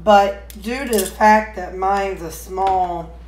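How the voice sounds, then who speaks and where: A woman at medium pitch speaks slowly, vlogging as a home cook and rambling in a chatty, folksy way while demonstrating in her kitchen. Background noise and the kitchen's echoey, roomy acoustics come through.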